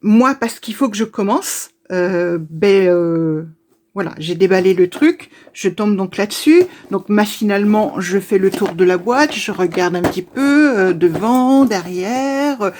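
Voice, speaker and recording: A woman of ordinary pitch talks casually to her viewers while unboxing. She hesitates often and fills the gaps with fillers. She stumbles over words and goes back to correct herself. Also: animated, measured pace, a little mellow. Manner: chatty, hesitant, many fillers and restarts. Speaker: YouTuber opening advent calendars. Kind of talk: casual unboxing chat to camera.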